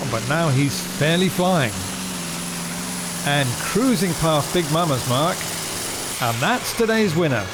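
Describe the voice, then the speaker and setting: A man commentating as a tractor pull announcer, calling runs and distances in a motorsport style. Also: on the high side. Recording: loud engine and vehicle noise. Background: roaring tractor engines.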